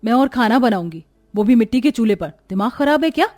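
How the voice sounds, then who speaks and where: A woman's voice: fairly high pitch, animated, fast, darkish tone, faint music behind, lightly acted. A woman voicing a vain, spoiled young woman in a storybook, scornful and bossy, slipping English words into her talk. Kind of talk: storybook voice acting.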